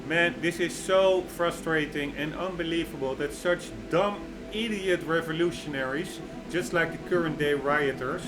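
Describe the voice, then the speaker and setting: A Dutch man who makes gaming videos reads game lore aloud and comments on it, his fairly high voice halting as he searches for words amid many fillers. He is opinionated and gets worked up. Loud game music plays under his voice throughout.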